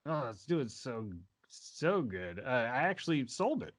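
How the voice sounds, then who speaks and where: A cheerful, rambling innkeeper with a well-oiled tongue, as a man puts him on for a tabletop game. His pitch swings high and low as he chats about old customers, loose and friendly. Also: very animated, measured pace. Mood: casual. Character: boozy retired male innkeeper, cheerful and rambling. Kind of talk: tabletop role-play.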